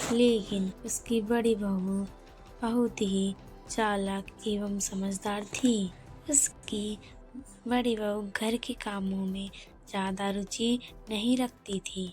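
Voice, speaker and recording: Slow woman storyteller. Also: medium pitch, steady tone, a little mellow, soft background music. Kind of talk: cartoon story narration.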